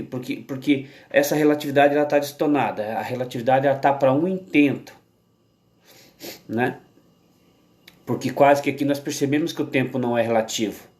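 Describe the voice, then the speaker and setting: This Brazilian Portuguese–accented man speaks at a medium pitch with a somewhat dark timbre. He takes his time in a loose, casual to-camera vlog, frequently starting over and tacking on tag questions.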